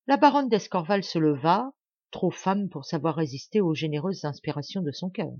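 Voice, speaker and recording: A woman from France giving an expressive, measured literary audiobook narration. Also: fairly low pitch, no room sound. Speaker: audiobook reader. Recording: dull, dry home recording.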